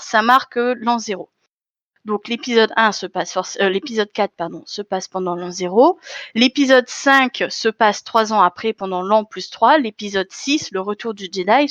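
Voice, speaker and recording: A woman's voice: a little high, fairly bright tone, dry recording, lo-fi sound. A woman giving a conference talk from slides, explaining step by step with fillers and self-corrections. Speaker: conference speaker. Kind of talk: live lecture with slides.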